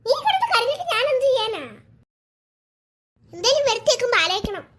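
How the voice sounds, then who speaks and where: A high-voiced performer voicing a worried, scolding mother in a cartoon. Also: sing-song, fast talker, a bit bright, exaggerated voice.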